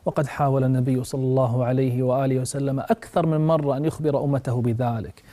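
A man's voice: medium pitch, flat delivery, quick pace, mellow. A male preacher giving a religious talk. He tells a story with passion, his voice rising sharply at the dramatic moments, and he speaks directly to his listeners as brothers and sisters.

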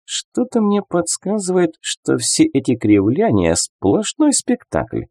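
A man's voice: on the high side, huge pitch swings, slow, creaky, warm tone, no echo, clean studio sound, pitched above the performer's own voice, heavily acted. A man voicing a young, indignant ghost girl with a raised, sulky voice in an audiobook. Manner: raised, pleading, sulky girlish voice.

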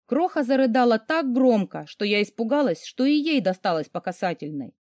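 A woman reading a first-person novel aloud with expressive emotion. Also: fairly high pitch, moderate pace, no room sound, clean studio sound. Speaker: audiobook reader. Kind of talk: first-person audiobook narration.

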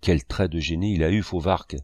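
A man's voice: sits low, normal speed, a little mellow, dry recording, clean studio sound, voice pushed down. A man reading the lines of a tormented, grandiose man who believes he is Christ, pouring out feverish pleas. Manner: pleading, feverish outpourings. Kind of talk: audiobook reading.

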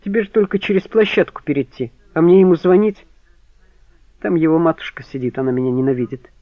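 A man's voice: on the high side, fast, no room sound, dull audio, natural voice. A man voicing a cheeky, teasing brother-in-law in an audiobook, offhand and joking. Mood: indignant.

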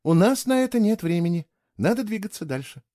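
A man voicing a brisk, cool-headed young woman traveler who talks in a curt, mocking way. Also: high-pitched, very animated, mellow, no room sound, clean studio sound, voice pushed up. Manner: curt, mocking, matter-of-fact.

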